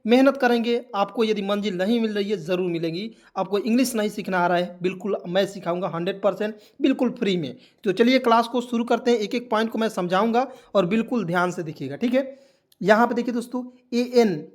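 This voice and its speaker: A man giving an online English lesson, repeating points and answering his own questions, with a preachy motivational tone and frequent friendly fillers. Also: high voice. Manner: keeps saying "okay" and "friends" as fillers. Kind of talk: spoken lesson to a video audience.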